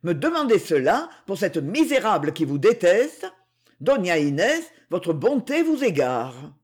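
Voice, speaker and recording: A reader voicing a stern, courteous brigand king who speaks gravely and with conviction. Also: high voice, sing-song, unhurried, heavily acted. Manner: cool, courteous, solemn.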